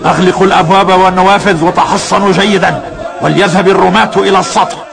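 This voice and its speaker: A stern, imperious governor in an Arabic historical drama. He gives orders quickly in a high, gravelly voice and formal Classical Arabic, over loud music and crowd din. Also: steady tone. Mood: urgent commanding.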